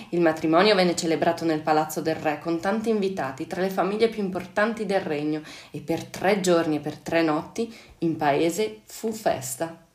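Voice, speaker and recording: Lady teacher telling a kids' fairy tale, lowish voice, echoey room. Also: a little mellow. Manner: clear, unhurried storytelling. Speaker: storyteller, teacher. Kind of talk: children's story reading on radio.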